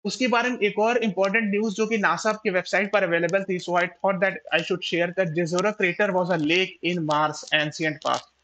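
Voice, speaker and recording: A man's voice: sits high, pushed and bright, slight background noise, low-quality recording. A man with an Indian English accent teaching a live online class, switching between Hindi and English and checking in with viewers. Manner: mixes Hindi and English, checks in often with listeners; reads out viewer names and answers. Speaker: exam prep teacher.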